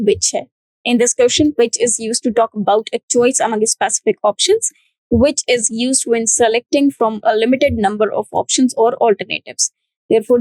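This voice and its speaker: A woman's voice: a little high, darkish tone, no room sound, rough recording. A woman with an Indian accent, an English teacher giving an exam-prep grammar lesson and patiently repeating her key points.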